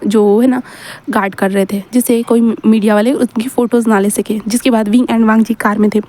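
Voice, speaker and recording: Woman, casual storyteller, slightly high voice, warm tone, mixes in English words. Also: steady tone, fairly quick. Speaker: storyteller retelling fan fiction. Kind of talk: casual story narration with quoted dialogue.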